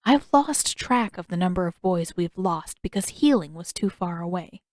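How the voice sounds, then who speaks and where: A narrator voices a kindly older woman who is a healer in a fantasy tale, with a lowish voice and light acting. She speaks in a measured, patient, calm but gently firm way, often asking questions, in an earnest, grave mood. The recording is close and dry.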